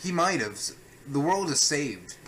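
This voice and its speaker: A man's voice: fairly high pitch, sing-song, measured pace, fairly bright tone, a little hiss or hum, rough recording. A young man reviewing a film with a co-host, ranting in a sarcastic, exasperated way. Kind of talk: casual review chat.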